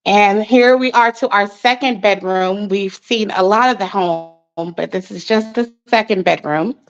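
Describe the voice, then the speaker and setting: A woman's voice: mid-range voice, a little slow, lo-fi sound. A woman real estate agent giving a walking tour of a house, chatty and a little nervous, slightly out of breath. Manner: chatty, nervous, laughs often.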